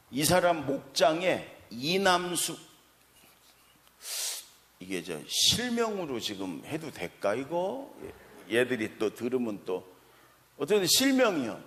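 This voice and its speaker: A male pastor preaching a conversational sermon, telling a story and acting out the voices of its people, with asides to the congregation. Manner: acts out quoted dialogue with lively swings in pitch. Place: church sanctuary. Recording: long hall reverb of a church.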